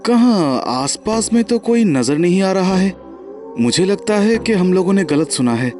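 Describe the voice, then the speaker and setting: A man voicing a calm, sensible young cartoon character who teases his scared friend. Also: high-pitched, measured pace, soft background music. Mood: teasing. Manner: teasing, level-headed.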